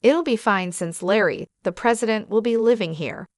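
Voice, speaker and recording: A woman's voice: medium pitch, moderate pace, no echo, clean studio sound, lightly acted. A woman reading the lines of a scheming, greedy younger stepsister in a narrated story, pushy and brash.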